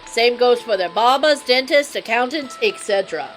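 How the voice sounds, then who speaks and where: A woman doing a brash, teasing New Jersey mob guy, pitched up high with a lively, bouncing delivery. He drawls with swagger. A faint bed of music sits underneath. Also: moderate pace, low-quality recording. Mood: explaining. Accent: put-on New Jersey. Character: sleazy swaggering male mobster, middle-aged. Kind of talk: voicing game dialogue on a live stream.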